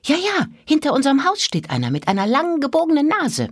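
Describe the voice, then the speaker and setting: A woman voicing a curious, excitable little girl who asks eager questions. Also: high voice, fast, no echo, studio quality, pitched above the performer's own voice.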